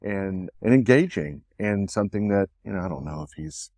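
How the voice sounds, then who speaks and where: A middle-aged man with a somewhat low voice rambles through a personal story on a casual podcast. He co-hosts in a loose, meandering way. The sound is dry and close, with no room in it. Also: animated, normal speed, darkish tone, no echo. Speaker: co-host.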